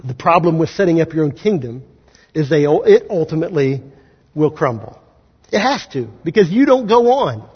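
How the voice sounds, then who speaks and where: A man preaching a sermon as pastor, talking conversationally and slipping into quick acted asides. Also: a little high, big pitch swings, husky. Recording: dull audio in a large hall.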